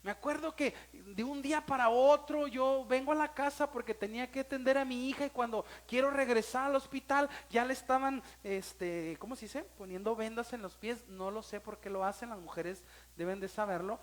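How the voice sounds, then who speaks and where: A man's voice: very high-pitched, normal speed. A man with a Mexican Spanish accent, a pastor giving a sermon and telling a personal story, emotional and speaking straight to his listeners.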